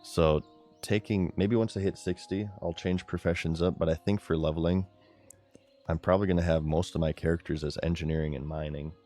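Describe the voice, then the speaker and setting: A man giving live gameplay commentary as a streamer, chatty and excitable, talking straight to his chat. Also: low voice, a little fast, faint music behind.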